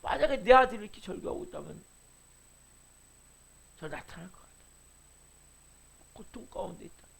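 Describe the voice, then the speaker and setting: Impassioned high-voiced gravelly male preacher. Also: expressive, moderate pace, long pauses. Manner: impassioned preaching with sudden loud swells and quiet drops. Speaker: pastor. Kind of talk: sermon.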